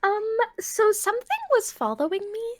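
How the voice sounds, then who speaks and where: A woman's voice: very high-pitched, lively intonation, moderate pace. A woman playing a tabletop game, chatting casually in character.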